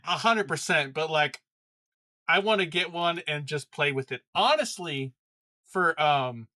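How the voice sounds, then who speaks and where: A man's voice: a little high, lively intonation, unhurried, pushed and bright, no room sound, clean studio sound. A man co-hosting a podcast in casual chat, curious and full of follow-up questions. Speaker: podcast co-host.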